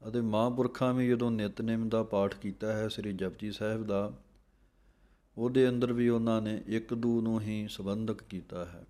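A man teaching how to recite scripture. He chants each verse very slowly, then calmly explains how it should be pronounced. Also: on the low side. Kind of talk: slow recitation lesson with pronunciation notes.

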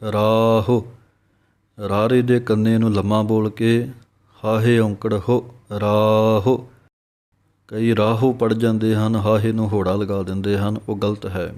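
A man gives a pronunciation lesson in scripture chanting. He chants each verse slowly, then explains it more quickly. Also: on the low side, little pitch movement, darkish tone. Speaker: scripture recitation teacher.

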